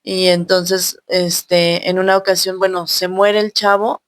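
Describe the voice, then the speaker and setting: Flat-voiced Mexican woman telling a ghost story. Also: fairly low pitch, measured pace, no room sound. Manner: rambling, with many fillers like "este" and "¿no?". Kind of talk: casual horror storytelling.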